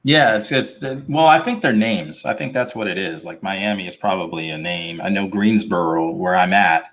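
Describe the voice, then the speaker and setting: A man's voice: low-pitched, moderate pace, a bit bright, low-quality recording. A man talking in a laid-back, easygoing way on a casual call, often saying yeah. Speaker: guest. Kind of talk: casual chat.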